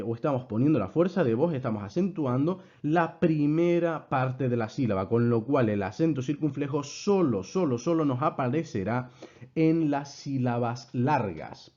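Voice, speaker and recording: A man teaching a class, explaining things in a measured way and addressing his students formally. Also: mid-range voice, warm tone, dull audio. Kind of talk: lecture with slides.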